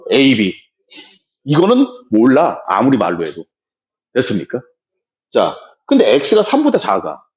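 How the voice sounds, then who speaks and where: Guy teaching math, voice jumps all over the place, kinda brusque, echoey classroom. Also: medium pitch. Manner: brusque, checks for understanding. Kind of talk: lecture. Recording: echoey room.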